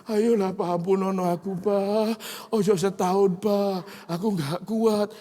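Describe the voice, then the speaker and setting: A man's voice: steady tone, measured pace, mellow. Man acting out a whiny begging young boy. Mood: pleading. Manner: begging, pleading in a high strained voice. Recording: long church reverb.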